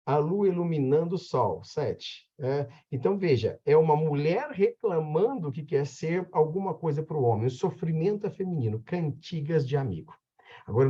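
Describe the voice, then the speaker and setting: A male teacher with a Brazilian Portuguese accent gives a lively exam review lecture in a joking, conversational way, checking in with the class after his points. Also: medium pitch, husky, dull audio.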